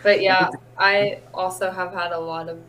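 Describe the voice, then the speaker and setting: A woman's voice: on the low side, level tone, moderate pace, crowd noise, poor audio. A young woman co-hosting a podcast, talking earnestly and casually with frequent "like" fillers. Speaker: podcast co-host. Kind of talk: casual chat.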